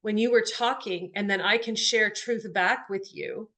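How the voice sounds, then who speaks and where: A woman's voice: medium pitch, steady tone, unhurried, a bit bright. Woman podcast host, mid-range voice, earnest spiritual conversation. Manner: earnest, talks about soul and energy.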